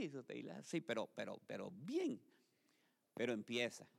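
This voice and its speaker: A man preaching a sermon to his congregation, speaking to them directly, asking them to repeat after him and building to loud emphatic peaks. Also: fairly high pitch, vocal fry. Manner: addresses congregation directly, calls for repetition. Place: church. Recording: long reverb of a hall.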